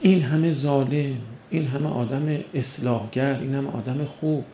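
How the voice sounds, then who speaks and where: A man's voice: medium pitch, mellow, slight background noise. A man preaching a sermon who keeps firing rhetorical questions at the audience and acts out the voices of imagined doubters. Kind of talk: religious sermon. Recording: dull lo-fi recording.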